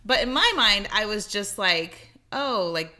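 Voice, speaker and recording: A woman's voice: medium pitch, expressive, normal speed, sharp tone. A woman in her thirties co-hosting a podcast, telling a dating story in a rambling way full of fillers. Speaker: podcast co-host. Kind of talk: casual chat.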